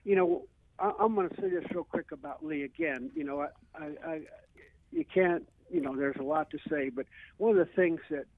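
A gravelly, high-sitting voice with lively intonation comes from an older American man, a retired teacher, speaking fairly quickly as a radio call-in guest. He reminisces casually and rambles, peppering it with "you know," over a tinny, narrowband phone line.

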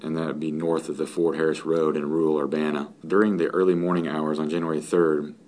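A man's voice: very deep voice, level tone, fairly quick, darkish tone. A man giving a factual interview account as an investigator, in formal procedural police phrasing. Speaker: sheriff's investigator being interviewed.

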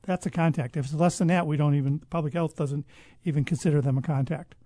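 Mellow-voiced man explaining at length. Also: on the high side, fairly even intonation, no echo. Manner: measured, explanatory, with frequent restarts. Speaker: guest expert on public health. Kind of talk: conversational interview answers.

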